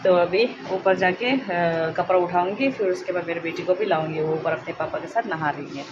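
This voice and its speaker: A woman's voice: lowish voice, moderate pace. A young woman, a stay-at-home mom, chatting casually to camera about her chores while moving around her home, mixing in English phrases. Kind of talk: casual vlog narration. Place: home, moving between rooms. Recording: dull lo-fi phone audio with clear household noise.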